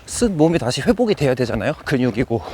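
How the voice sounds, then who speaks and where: A man's voice: mid-range voice, big pitch swings, fast, darkish tone, slight background noise. Man vlogging while running, in short phrases. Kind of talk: casual vlog monologue while running. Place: outdoors, on a run.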